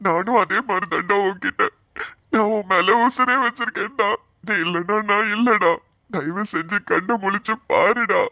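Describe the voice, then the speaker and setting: A woman's voice: mid-range voice, moderate pace, sharp tone, no room sound, clean studio sound. A woman voicing a young man in a cartoon, an elder brother who pleads tearfully for his little brother. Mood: tender pleading. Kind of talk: cartoon voice acting.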